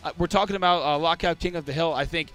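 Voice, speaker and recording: Analytical male color commentator at a live event, high, bright voice, steady explainer. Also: fast talker. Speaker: esports co-caster.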